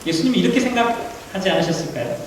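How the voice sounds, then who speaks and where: A male pastor preaching a sermon in a church, animated and full of rhetorical questions. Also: high voice, fast, distant mic. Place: church sanctuary. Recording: echoey hall, mic from afar, faint hiss.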